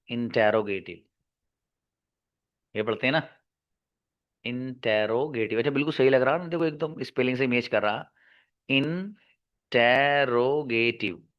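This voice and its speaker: A man teaching English grammar in an online lesson, slowly repeating key words and answering his own questions for his students. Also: mid-range voice, lo-fi sound. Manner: calls listeners "babu" and "my friend".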